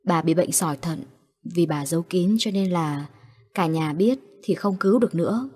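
A woman, narrating horror stories in a calm, matter-of-fact way. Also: lowish voice, moderate pace, slightly rough, no echo. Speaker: storyteller.

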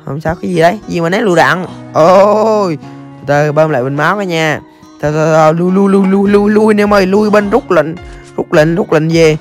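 A game streamer rattles off rapid, excitable play-by-play, breaking into bursts of exclamations. The voice sits at a middle pitch, and soft music plays faintly underneath. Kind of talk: live gameplay commentary.

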